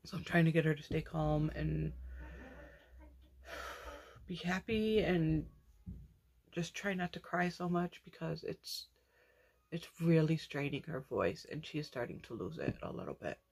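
Low-voiced woman chatting about crochet. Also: lively intonation, a little slow, creaky, pauses often, a little mellow, husky. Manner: rambling, restarts often, yawning. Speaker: crochet vlogger. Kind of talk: casual chat.

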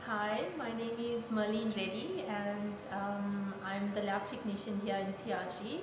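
Unhurried woman in an echoing room. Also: mid-range voice, fairly even intonation. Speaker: lab technician. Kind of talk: interview statement. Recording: echoey hall with hiss.

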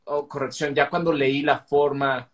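An actor in a casual live-stream chat, talking emotionally and affectionately. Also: male voice, on the high side, flat delivery, a little slow. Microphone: phone on a live video stream.

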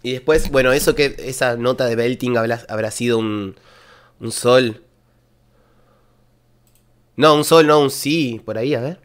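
With frequent pauses and a slightly slow pace, the man, an Argentine vocal coach with a baritone voice, excitedly talks viewers through his reaction to and analysis of a singing performance.

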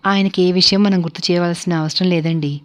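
A woman's voice: fairly low pitch, fairly even intonation, fairly quick, natural voice. A woman voicing a terse, formal male butler who answers in clipped replies. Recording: dull lo-fi recording.

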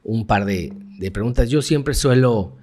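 A man hosting a podcast interview, asking questions softly and backing his guest up. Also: on the low side, a little slow. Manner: soft-spoken, supportive backchannels. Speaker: podcast host.

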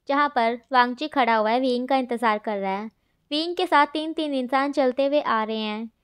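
A woman narrates a love story for her channel in a chatty, animated way. Her voice sits high and bright, and she keeps an easy, casual storytelling pace. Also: smooth.

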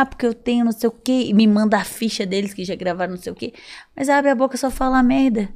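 A woman's voice: mid-range voice, dark tone. Frank chatty young woman. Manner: frank, rambling, many fillers. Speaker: guest. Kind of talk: casual podcast chat.

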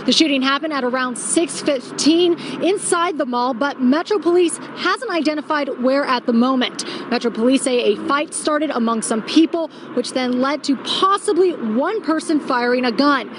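A young woman field reporter delivering a scripted live news report in a brisk way, outdoors on a city street at night with a handheld mic. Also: high voice, noisy background.

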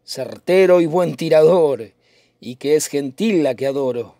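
A man's voice: on the high side, animated, measured pace, warm tone, no echo, clean studio sound. A man reading the part of a brooding, poetic young nobleman in a dramatic reading of a play, in a theatrical, declaiming manner. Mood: lovesick.

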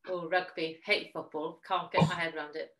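A woman in her forties with a South Wales Valleys accent, a magazine editor chatting as an interview guest in a measured, self-correcting way. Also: sits low, little pitch movement, a crowd in the background, low-quality recording. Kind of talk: casual interview chat.

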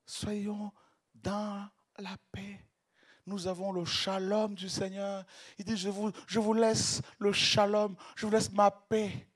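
Slowly and with little pitch movement, a high-voiced man delivers a fervent, ecstatic sermon. He shifts between quiet murmurs and shouts, repeating himself and tripping over words.

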